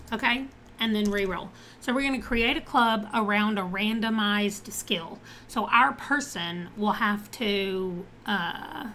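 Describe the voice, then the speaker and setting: A woman's voice: fairly high pitch, a bit bright, a little hiss or hum. A woman streaming a life-sim game live, chatting casually, thinking aloud as she reads out options and answers viewers.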